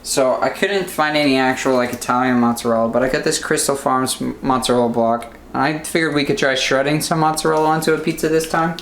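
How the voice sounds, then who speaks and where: A man's voice: mid-range voice, steady tone, fast, few pauses, fairly bright tone, echoey room, slight background noise. A young man vlogging casually from his home kitchen, talking in a rambling, easygoing way full of fillers. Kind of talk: casual vlog chat.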